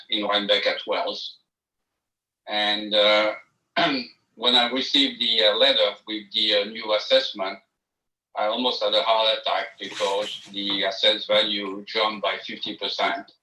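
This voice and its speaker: A man phoning in on speaker, the phone held away from the mic, giving halting testimony about his property with many fillers and restarts. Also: fairly low pitch, level tone, pushed and bright. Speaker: property owner presenting a grievance. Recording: echoey, distant speakerphone audio.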